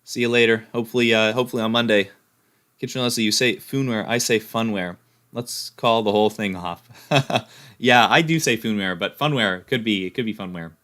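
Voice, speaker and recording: A man's voice: on the low side, a little fast, sharp tone. A man hosting a live stock-market stream, chatting casually and reading out viewer comments, thinking aloud as he goes. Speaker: stock livestream host.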